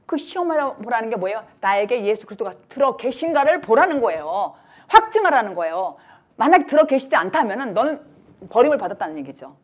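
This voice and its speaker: A woman pastor with a fairly high voice preaches quickly and forcefully. She animates her sermon by acting out the cries of the people she talks about, the blind man among them.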